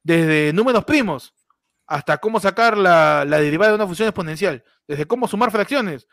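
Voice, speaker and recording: A man hosting a podcast, joking excitedly and laughing as he plugs a friend's channel. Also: high voice, normal speed, no echo, studio quality. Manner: excitable, laughing, playfully mock-amazed. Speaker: podcast host. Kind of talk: joking podcast banter with live promotion.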